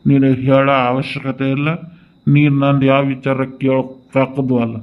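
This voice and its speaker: A man's voice: medium pitch, completely flat delivery, moderate pace, clean tone, phone-quality sound, lightly acted. A man voicing a brusque drunken village husband. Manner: brusque, dismissive. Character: drunken boastful village husband, middle-aged.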